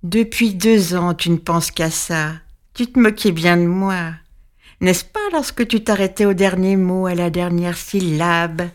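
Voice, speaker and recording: A woman doing a sharp-voiced spiteful old witch. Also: lowish voice, natural voice. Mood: gloating. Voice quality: thin, sharp, sour voice. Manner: mocking, drawn-out, gloating. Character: spiteful old female witch, small and sly. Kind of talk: storybook reading.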